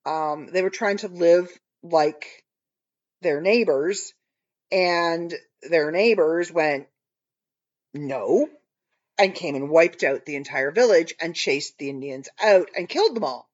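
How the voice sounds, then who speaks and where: A woman's voice: on the low side, a little slow. A woman hosting her own podcast, telling rambling stories in an earnest, casual monologue. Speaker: podcast host. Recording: dull lo-fi recording.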